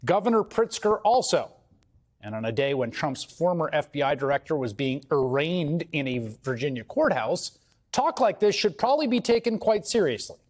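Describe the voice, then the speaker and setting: A man's voice: a little high, very animated, moderate pace. A man anchoring a news broadcast, reading a scripted report with earnest emphasis from a studio.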